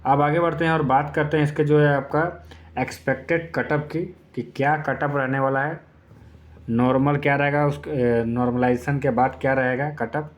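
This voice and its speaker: An exam-prep YouTube presenter with a mid-range voice speaks at a moderate pace with flat delivery. He walks exam candidates through things step by step in an informal explainer, repeating himself and using filler phrases.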